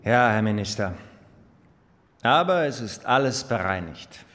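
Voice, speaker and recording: A slow, deferential official. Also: male voice, animated, a bit bright. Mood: measured, sober. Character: dutiful official reporting to his minister. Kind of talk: German audio drama acting. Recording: long hall reverb, faint rumbling noise.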